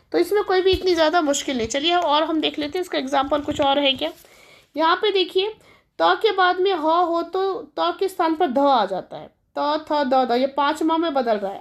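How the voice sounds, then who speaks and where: A woman teaching Hindi grammar as a classroom-style lesson, walking through each example step by step and asking and answering her own questions as she addresses her students as children. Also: high voice.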